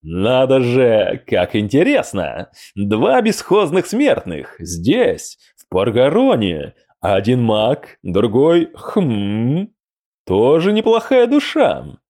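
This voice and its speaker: A man's voice: on the high side, wildly swooping pitch, unhurried, darkish tone, voice pushed up, full character voice. A man voicing a young male cavalry demon who is eager, boastful and curious, exclaiming with delight as he speaks. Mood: intrigued.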